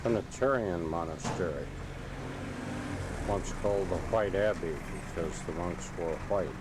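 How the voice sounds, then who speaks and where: A fairly low-voiced man talks behind his camcorder, naming sights in short, matter-of-fact phrases as he films. It sounds like an old VHS home video tape, recorded outdoors on the camera's built-in mic. Loud hiss and street noise sit under his voice. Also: unhurried. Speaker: tourist filming a home video. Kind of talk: casual commentary on camcorder footage. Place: outdoors in a small village street.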